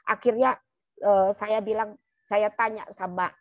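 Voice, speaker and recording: A church member gives her personal testimony in an earnest, colloquial storytelling style, often turning to address her "brothers and sisters." Her voice is medium in pitch and steady, a little slow, with no room sound.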